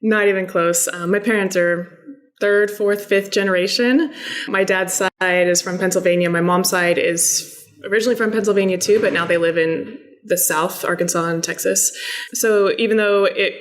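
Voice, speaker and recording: A woman's voice: steady tone, moderate pace. A woman in her thirties from San Diego, a startup founder answering interview questions in an upbeat, fluent way. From San Diego, California. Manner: upbeat, fluent pitch-like delivery.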